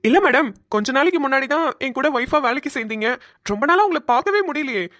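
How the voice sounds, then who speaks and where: A silly young cartoon husband who rambles and gets muddled , played by a woman. He talks in a slightly high, eager voice and gets excited easily. The sound is dry and close. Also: fast, no room sound. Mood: comic. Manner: excitable, rambling comic delivery. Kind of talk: cartoon voice acting.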